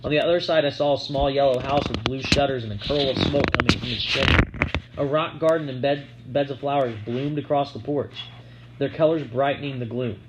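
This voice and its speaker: A man reads a first-person novel chapter aloud, keeping a steady, plain storytelling pace. His voice sits at an ordinary middle pitch for a man. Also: a little fast, muffled recording, heavy background noise. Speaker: audiobook narrator.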